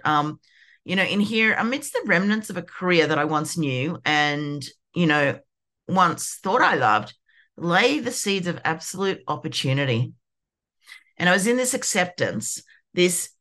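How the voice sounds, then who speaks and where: Candid, animated woman in her fifties. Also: deep voice. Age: 50s. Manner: animated, candid, peppered with "you know". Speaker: podcast host. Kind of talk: personal reflective monologue.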